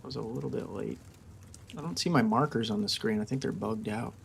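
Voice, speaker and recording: A man's voice: fairly low pitch, brisk, gravelly, a little hiss or hum. A man streaming live from home, giving casual, hyped-up commentary on his trades. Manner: hyped, cheering the market on.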